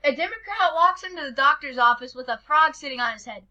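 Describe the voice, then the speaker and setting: Host woman, high and sharp, reads jokes over a voice call, trips over lines. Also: lively intonation, fast talker, lo-fi sound. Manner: reads jokes aloud, stumbling and restarting. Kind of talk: casual joke-reading challenge.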